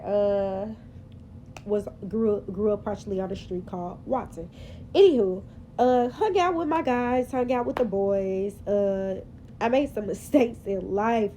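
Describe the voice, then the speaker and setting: Chatty woman with a mellow voice. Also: medium pitch, slight background noise, low-quality recording. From Memphis, Tennessee, US. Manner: chatty, sassy, rambling with fillers. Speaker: vlogger. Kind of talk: casual confessional vlog. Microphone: phone camera.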